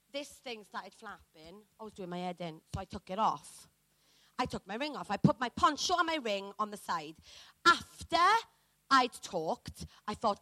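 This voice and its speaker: A Welsh woman preacher tells a personal story during a sermon, animated and dramatic as she acts out what people said. Her voice is mid-range and there's no echo.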